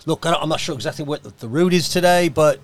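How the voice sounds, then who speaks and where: A man's voice: fairly high pitch, quick pace. A man with an Australian accent chatting casually on a podcast panel in a blunt, colloquial manner. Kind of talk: casual chat.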